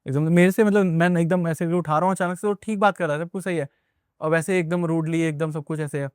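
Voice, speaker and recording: Young guy rambling through a story, kinda high voice, smooth and clear. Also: fairly even intonation, fast, darkish tone, no room sound, clean studio sound. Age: young adult. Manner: rambling, repetitive retelling with many asides. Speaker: guest recounting an experience. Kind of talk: casual spoken storytelling.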